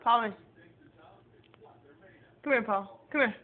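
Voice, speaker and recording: Recorded on a phone with narrow, tinny audio, a pet owner with a fairly high voice chats slowly with her parrot. She coaxes and teases the bird in a sing-song way, repeating goodbyes to it and swearing casually.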